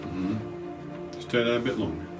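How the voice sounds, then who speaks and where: A man leading a night-time ghost hunt as a medium, calm and reassuring, often stumbling over his words. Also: on the low side, slow pace, loud music behind the voice. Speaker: medium leading a paranormal investigation. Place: indoors in a house at night.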